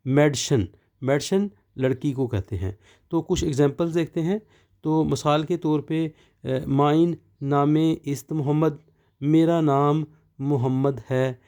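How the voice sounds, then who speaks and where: A man's voice: a little high, measured pace, dark tone. A man teaching beginner German, spelling out each word letter by letter before saying it. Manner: spells out words letter by letter, then pronounces them. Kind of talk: slow explanatory lecture.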